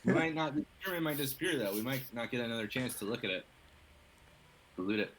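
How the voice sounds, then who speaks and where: Man, tabletop player, rapid talk, eager, faint clicks and noise. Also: medium pitch, expressive, fairly bright tone, rough recording. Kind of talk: casual tabletop chat.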